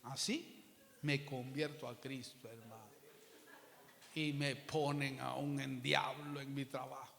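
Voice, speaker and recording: A man's voice: mid-range voice, flat delivery, slow pace, creaky, fairly bright tone. A man preaching in a church, telling a personal testimony and acting out quoted exchanges. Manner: storytelling, acts out quoted exchanges. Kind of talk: sermon testimony. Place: church hall. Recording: reverberant church hall.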